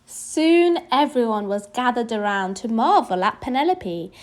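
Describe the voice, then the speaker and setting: Reading aloud from a children's story, a fairly high-voiced woman tells it in a deliberate, expressive way.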